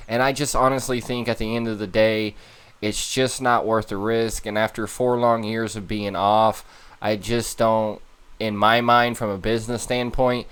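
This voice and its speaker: A man co-hosting a laid-back podcast talks football with firm opinions. His voice is smooth and clear, and he stacks one question on another as he thinks aloud. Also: fairly low pitch, a bit bright. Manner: opinionated, asks many questions. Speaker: podcast co-host. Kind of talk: casual chat.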